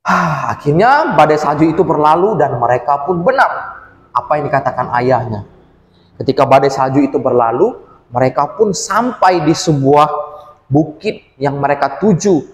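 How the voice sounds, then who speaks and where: A man's voice: on the high side, expressive, moderate pace. Man telling a children's story in an echoey hall. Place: church hall.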